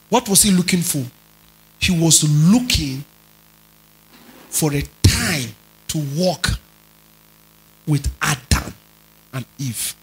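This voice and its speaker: A man preaching a sermon as pastor. He moves between quiet asides and loud, drawn-out emphasis, and keeps asking the congregation questions. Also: on the high side, poor audio. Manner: dramatic preaching, shifts between soft asides and shouted emphasis.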